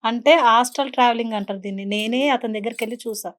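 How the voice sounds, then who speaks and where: A woman's voice: on the high side, steady tone, rapid-fire. A woman guest on an interview show, earnestly telling a personal story and mixing in English words. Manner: earnest, mixes English words into her speech.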